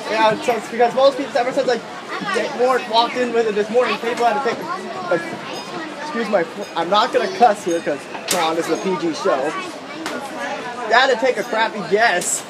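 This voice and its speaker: A vlogger chats casually while filming a ride. The voice is medium in pitch and competes with a big crowd and heavy outdoor noise. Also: brisk. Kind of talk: casual off-the-cuff vlog commentary. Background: loud crowd, train and outdoor noise.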